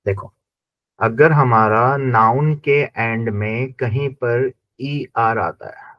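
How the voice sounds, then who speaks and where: A man gives a classroom lesson, drilling sounds slowly and saying each word again and again. His voice is dry and close, and the recording is dull and lo-fi. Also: medium pitch, no echo. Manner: slow repetitive drilling of pronunciation. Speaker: German language teacher.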